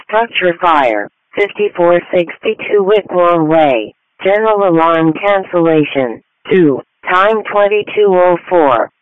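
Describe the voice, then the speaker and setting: A man reading out emergency dispatch calls in a slow, clipped, flat-cadence readout, heard over a police-style dispatch radio. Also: sits high, no echo. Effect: dispatch radio over a scanner. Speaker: automated fire dispatch announcer. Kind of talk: repeated tone-out call readout. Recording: tinny, dry radio scanner audio.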